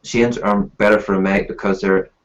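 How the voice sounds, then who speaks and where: Man, lowish pitch, live stream host, casual chat, informal product talk. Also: flat delivery, normal speed, lo-fi sound.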